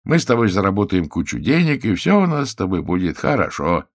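Man doing a calm, peaceable fellow. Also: low voice, brisk, no echo, studio quality, exaggerated voice. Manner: calm, conciliatory. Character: mild, peaceable man, soft-spoken.

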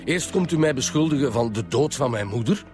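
In a radio detective serial, an actor with a Flemish accent plays a husband under police questioning, defensive and self-righteous. He sounds irritated and fed up, weary and curt, his medium-pitched, slightly mellow voice animated and a little fast. The acting is light, with faint music behind him.

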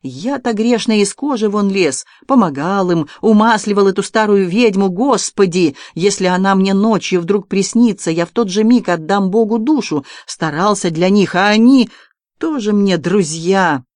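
Август, a reader voicing a touchy young gentleman. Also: medium pitch, animated, dry recording, studio quality, lightly acted. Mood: aggrieved. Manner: fussy, quick to take offence. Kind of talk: audiobook character voice.

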